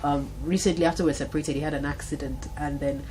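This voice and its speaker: A woman in her thirties with a Nigerian accent, telling lively stories in a casual talk-show conversation and acting out voices. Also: low-pitched, fast talker, a little hiss or hum, low-quality recording. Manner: animated storyteller, acts out voices, laughs often.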